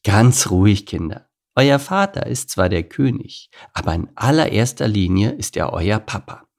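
A man's voice: lowish voice, very animated, normal speed, gravelly, heavily acted. A man voicing a bossy but caring lioness mother in an audiobook story. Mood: calm. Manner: scolding, commanding.

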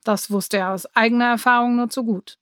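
Brief: woman storybook reader, calm and even, dry close sound. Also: a little high, fairly quick, no echo. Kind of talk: scripted storybook narration.

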